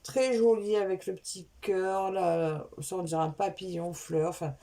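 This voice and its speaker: A woman's voice: on the low side, fairly even intonation, moderate pace, mellow. A woman chatting casually through an unboxing of craft supplies for her vlog. She wanders between topics and corrects herself as she goes. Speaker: craft vlogger.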